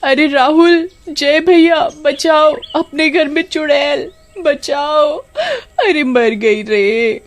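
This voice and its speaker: A woman's voice: mid-range voice, animated, a little fast, few pauses, lightly acted. A woman voicing a cruel, whiny young woman who shrieks and wails in a storybook tale. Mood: wailing. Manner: yelling, wailing.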